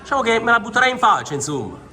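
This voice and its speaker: A man's voice: extremely high pitch, big pitch swings, racing, pushed and bright. A young man with a Neapolitan accent, giving casual play-by-play banter during a game, with Neapolitan street slang. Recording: noisy room, clear background noise.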